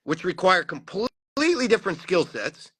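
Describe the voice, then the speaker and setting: Intense, swearing man, bright voice. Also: high-pitched, big pitch swings, normal speed, slightly rough. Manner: intense, heavily profane, emphatic. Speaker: podcast co-host. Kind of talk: casual chat.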